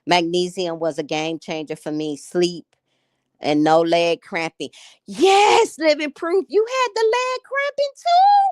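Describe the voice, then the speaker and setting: Laughing frequently, a Gary, Indiana livestream host in her late fifties talks casually with her audience in a sing-song, fairly low voice at a measured pace. Her Northern Indiana accent comes through a dry, studio-quality recording.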